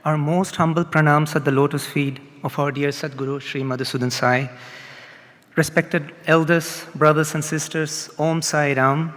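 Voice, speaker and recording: A middle-aged man from Peru giving an earnest personal testimony, halting with frequent restarts. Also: a little high, fairly even intonation, a bit bright. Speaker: speaker at a festival. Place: large hall. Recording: long hall reverb.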